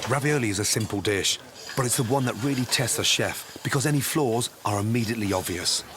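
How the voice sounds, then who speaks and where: A man's voice: mid-range voice, brisk, background noise. A British man reading scripted TV cookery narration in a clipped, emphatic way. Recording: voice-over with music behind.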